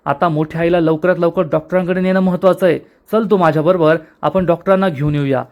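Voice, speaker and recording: A man's voice: a little high, fairly even intonation, fast, darkish tone, lightly acted. A man reading a stern young husband. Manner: scolding, firm. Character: angry young husband taking charge.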